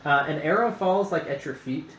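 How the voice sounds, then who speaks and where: A man's voice: a little high, slight background noise. Man running a tabletop game, echoey room. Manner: relaxed, halting with fillers. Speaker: game master.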